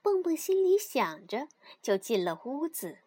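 A woman narrating a children's story in an expressive, animated reading style. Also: high-pitched, unhurried.

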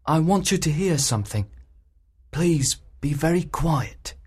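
An anxious, deferential old-school servant. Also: male voice, fairly high pitch, expressive, a little slow, a little mellow, slightly rough, no room sound, clean studio sound. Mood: hushed urgent. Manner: anxious, respectful, addresses others as sir. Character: worried frightened male servant, polite and deferential. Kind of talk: audiobook drama reading.

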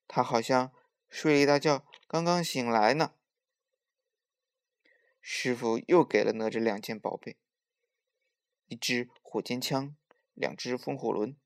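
A man narrating a children's story in a lively, drawn-out storytelling manner. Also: medium pitch, dry recording, clean studio sound.

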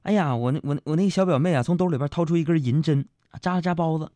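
A man, a radio host telling comic stories in a lively way with asides to his listeners. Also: a little high, dry recording. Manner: lively storytelling with quick jokes and asides to listeners. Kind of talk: comic monologue.

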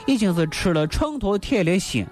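Animated male radio storyteller. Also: sits high, moderate pace. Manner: colloquial, rhetorical questions. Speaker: radio show co-host. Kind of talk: lively storytelling commentary on a classic novel. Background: faint music.

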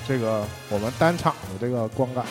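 A man co-hosts a relaxed podcast, rattling through film reviews at a brisk clip. His voice sits at an ordinary middle pitch, and clear music plays behind the talk. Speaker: podcast co-host. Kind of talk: casual chat reviewing films.

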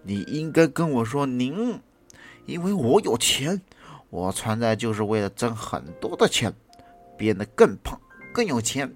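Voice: medium pitch, big pitch swings, a little slow. Snooty money-loving purse, storyteller putting it on, looks down on you, music in the back. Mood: haughty. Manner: haughty, condescending. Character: proud, greedy coin purse. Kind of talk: storybook reading. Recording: music playing behind the reading.

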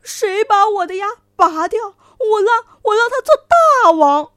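A woman's voice: very high voice, a little slow, no echo, studio quality, voice pushed up. A woman putting on a whimpering big tiger. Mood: moaning in pain. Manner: moaning, stammering, groaning. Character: big toothless male tiger, boastful then whimpering.

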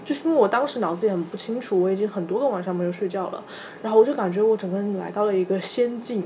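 Woman, thirties, podcast co-host, warm mellow tone, faint background noise. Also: medium pitch. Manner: soft, halting, repeats little fillers. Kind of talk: personal storytelling in casual chat.

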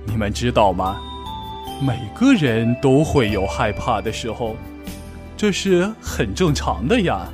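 A man voicing a kindly old female bear in a storybook, speaking in a gentle, soothing grandmotherly way. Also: mid-range voice, very animated, unhurried, music in the background.

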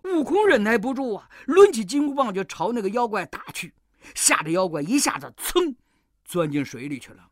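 Lively, expressive children's storyteller. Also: medium pitch, normal speed, no room sound, clean studio sound. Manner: lively, expressive, sound effects.

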